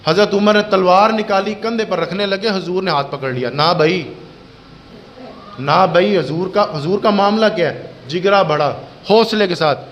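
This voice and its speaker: A middle-aged male preacher tells a religious story in an impassioned, chatty sermon style. His voice sits fairly high for a man. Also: highs cut off, slight background noise. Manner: impassioned, colloquial storytelling with acted quotes. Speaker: Islamic preacher.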